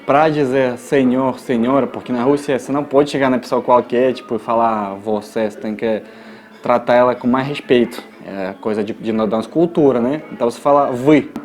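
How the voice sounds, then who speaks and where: A man with a Russian accent, a native Russian speaker, teaching tourist phrases in a joking, casual way and repeating each word slowly. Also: medium pitch, steady tone, a little mellow, faint music behind. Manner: joking, slow repeated model words. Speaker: language guide.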